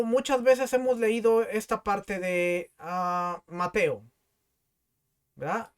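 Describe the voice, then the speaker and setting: A man with a notably high-pitched voice teaches from scripture as a pastor, with a Mexican Spanish accent. He reads verses aloud and explains them patiently, often repeating himself as he looks for his place. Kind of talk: teaching sermon with scripture reading.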